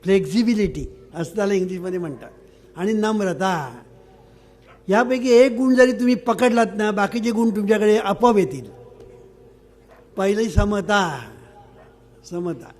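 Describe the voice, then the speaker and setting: A man's voice: high voice, normal speed, darkish tone. An older man, a spiritual teacher, giving a sermon-like discourse and telling a parable. He repeats key words and keeps asking whether listeners have understood.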